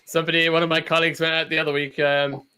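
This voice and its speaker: A man's voice: on the high side, level tone, rapid-fire, bright, forceful tone, smooth. A man from England in a casual chat, talking with many restarts and frequent laughs. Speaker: podcast host. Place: at home in China.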